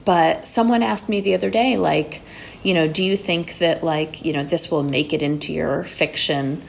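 A woman novelist raised in New York, chatting as a guest in a halting way, with frequent restarts and fillers. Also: low-pitched, fairly even intonation, gravelly, a little hiss or hum. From Connecticut-born, raised in New York. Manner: halting, restarts, many "like" and "you know" fillers. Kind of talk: casual conversation.

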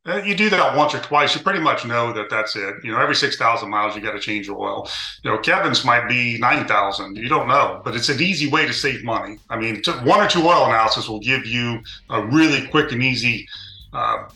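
A male guest on a car podcast explains things in a plain, practical way. His voice is very bright and forceful, and his audio sounds roomy and echoey compared with the hosts. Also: mid-range voice, animated, fairly quick. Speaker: guest, additive company founder. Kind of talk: casual podcast interview.

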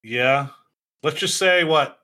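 A man's voice: on the high side, takes it slowly, bright, forceful tone. A man in his thirties hosting a podcast in casual chat, laughing often and rambling with restarts. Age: 30s. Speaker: podcast host.

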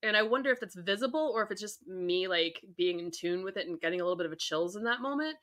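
A woman co-hosting a podcast, talking in an animated, excitable way in casual chat. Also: medium pitch, fast talker. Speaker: podcast co-host.

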